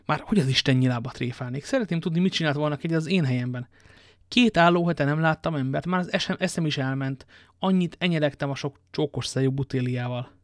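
A man's voice: a little high, no echo, clean studio sound, natural voice. Athos, a man doing a wry musketeer. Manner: languid, ironic storytelling. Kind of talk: audiobook reading.

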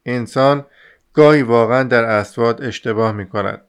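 A man reading the part of a chatty, excitable young male student in an audiobook, rambling eagerly in a smooth, clear voice. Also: mid-range voice, natural voice. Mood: excited rambling. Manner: rambling, eager, talks over himself.

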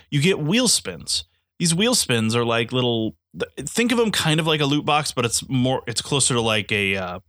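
A man's voice: on the low side, bright, forceful tone, no echo, clean studio sound. A congested man giving a casual spoken game review, eager and rambling, with many restarts. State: congested, stuffy nose.

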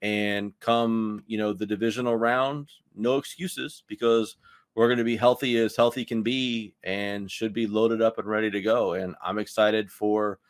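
A man's voice: lowish voice, steady tone, moderate pace, dry recording, clean studio sound. A man co-hosting a casual sports podcast, rambling and ranting with heavy use of "like". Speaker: podcast co-host.

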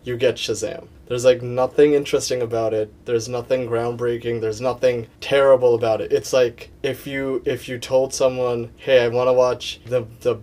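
A young man co-hosts a casual movie podcast, wandering through his points with fillers, restarts and playful jokes. His voice sits at an ordinary middle pitch for a man. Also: mellow. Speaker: podcast host. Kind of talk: casual chat.

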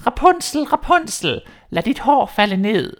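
Spiteful old fairy-tale witch played by a male narrator, high and shrill, stretches her words. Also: very animated. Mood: calling. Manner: shrill, drawn-out calling and scolding.

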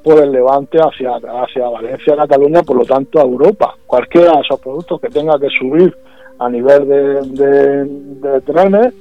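Over dull lo-fi radio audio with music behind him, a regional politician is interviewed, his mid-range voice moving at normal speed. He has a Murcian Spanish accent and hails from Puerto Lumbreras, Murcia region, Spain. His manner is insistent, and he keeps restarting and going back over the same points.

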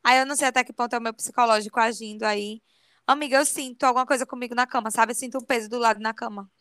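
A woman's voice: a little high, rapid-fire, clear, resonant tone, dry recording. A young woman, chatting animatedly as a podcast co-host and telling a spooky story. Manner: animated, swears she is telling the truth. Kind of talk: casual podcast chat.

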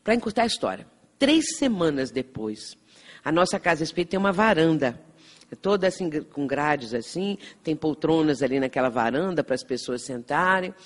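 A woman's voice: deep voice, sing-song, moderate pace. A Brazilian woman giving an earnest spiritist lecture, explaining patiently and often checking in with "não é?". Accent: Brazilian Portuguese. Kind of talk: lecture with anecdotes. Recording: reverberant hall.

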